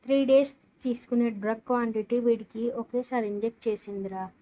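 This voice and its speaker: A woman's voice: on the high side, steady tone, moderate pace, mellow, natural voice, low-quality recording. A woman voicing a concerned older brother who earnestly explains and comforts.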